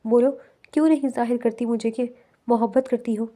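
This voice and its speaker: A woman's voice: fairly high pitch, steady tone, warm tone, natural voice. A woman reading the lines of a brusque, commanding young man in an audiobook novel. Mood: angry.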